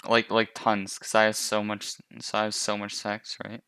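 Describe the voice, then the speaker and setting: A man's voice: on the low side, monotone, moderate pace, sharp tone, clean tone, no echo. A young man co-hosting a podcast in casual chat, giggly and rambling over a voice call. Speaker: podcast co-host. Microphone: computer mic on a voice call.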